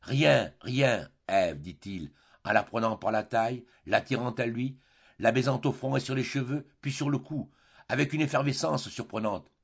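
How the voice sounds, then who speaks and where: A man's voice: mid-range voice, normal speed, breathy edge, dull audio. A man narrating a classic novel for an audiobook, reading steadily phrase by phrase.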